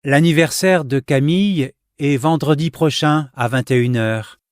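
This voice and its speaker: Slow, careful man reading short lines. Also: fairly high pitch, smooth, no room sound, studio quality. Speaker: voice actor in exam dialogue. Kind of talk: scripted dialogue reading.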